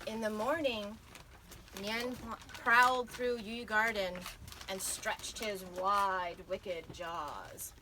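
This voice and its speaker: A woman performs a picture book for a crowd of children, lingering dramatically on key words. Her medium-pitched voice is pushed and bright and her pace is slow, with audience sounds audible in the noisy live recording.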